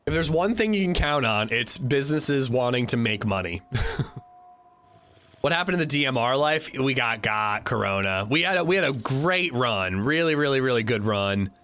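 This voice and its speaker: Dude streaming games, bouncy voice, cussing, chatty. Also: male voice, mid-range voice, normal speed. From Pennsylvania, US. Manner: animated, profane, reacting to chat. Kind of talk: casual gaming livestream chat.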